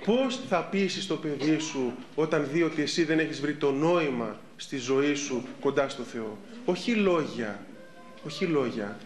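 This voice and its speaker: A middle-aged Orthodox priest gives a sermon and tells stories lively, acting out the people in them. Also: male voice, a little high, hardly any pauses, faint music behind. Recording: echoey room.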